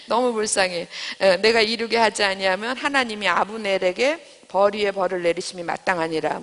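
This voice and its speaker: A woman leading a church Bible lesson, checking in with her class and turning old scripture into everyday talk. Her voice sits at a middle pitch for a woman. A long reverb trails after her words, as in a church hall. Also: a bit bright. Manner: asks the class questions and paraphrases scripture in everyday speech. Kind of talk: Bible study lecture.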